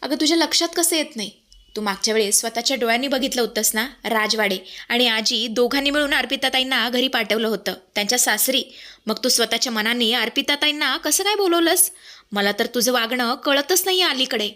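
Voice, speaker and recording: A woman's voice: on the high side, a little fast, bright, forceful tone. A woman voicing a stern elder sister who scolds her younger sister. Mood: reproachful.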